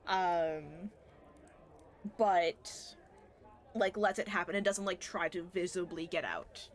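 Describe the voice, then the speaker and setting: A woman's voice: fairly low pitch, takes it slowly. A woman playing a tabletop game, talking casually and describing her character's actions with many fillers. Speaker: player.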